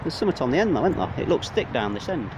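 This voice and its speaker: Rapid-fire and fairly high-pitched, a young English magnet fishing vlogger with a Midlands accent gives excited, casual commentary from a riverbank, full of tag questions. He records on a handheld or body camera amid outdoor wind and traffic noise.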